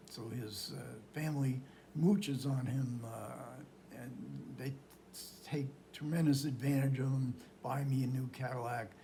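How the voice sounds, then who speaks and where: A man giving an informal talk on film, telling it haltingly as he searches for words and repeats phrases. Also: medium pitch, warm tone, slight background noise. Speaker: film lecturer. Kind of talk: informal film talk recounting history and plot.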